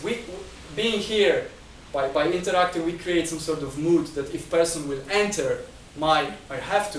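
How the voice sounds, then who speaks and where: His voice a little high, a male guest speaker whose first language isn't Chinese gives a lecture-style talk at a discussion group in an indoor venue. He works through numbered points, often restarting and repeating words. The echoey room and distant mic come with a little hiss or hum.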